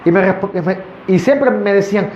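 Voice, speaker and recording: A man's voice: high-pitched, fairly quick, a little mellow, slight background noise. A male pastor preaching a sermon to a congregation in a church. He asks the listeners rhetorical questions and speaks to them directly. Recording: echoey, dull church recording.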